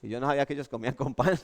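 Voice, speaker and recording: A Colombian man preaching a lively sermon with humorous stories, often checking in with the congregation. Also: mid-range voice. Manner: animated, keeps asking the congregation "¿cierto?". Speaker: pastor. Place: church.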